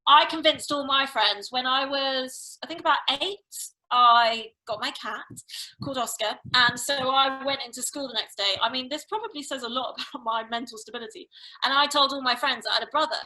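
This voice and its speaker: A woman's voice: high voice, fairly quick, sharp tone, low-quality recording. A young woman guesting on a casual podcast, chatty, laughing often and swearing casually. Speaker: podcast guest, TV and radio presenter. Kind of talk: casual chat.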